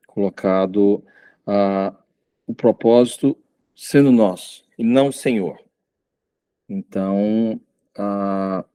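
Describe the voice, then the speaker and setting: This middle-aged visiting preacher hails from Goiânia, Brazil, and speaks in a lowish, warm voice. His informal sermon stumbles along with frequent fillers and restarts.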